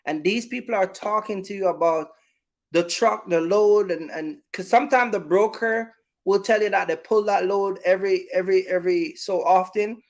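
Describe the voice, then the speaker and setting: In a high-pitched voice at a moderate pace, a man offers trucking business advice to his YouTube viewers in an informal monologue. He speaks emphatically, repeats himself, and regularly makes sure people are keeping up.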